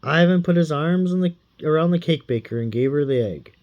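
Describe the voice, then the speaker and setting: Animated man reading a fairy tale. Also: fairly high pitch, fairly quick, lo-fi sound. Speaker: storyteller.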